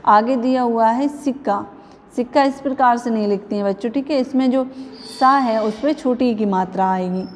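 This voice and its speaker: A woman's voice: on the high side, moderate pace, darkish tone, in a large hall, slight background noise. A woman teaching young children a grammar lesson, patiently asking the class questions and repeating each answer. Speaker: primary school teacher.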